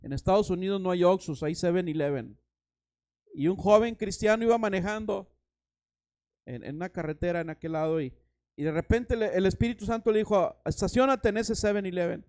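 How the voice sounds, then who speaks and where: High-voiced preacher, animated. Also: male voice, brisk. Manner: dramatic preaching, acts out voices and anecdotes. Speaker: pastor. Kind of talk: sermon.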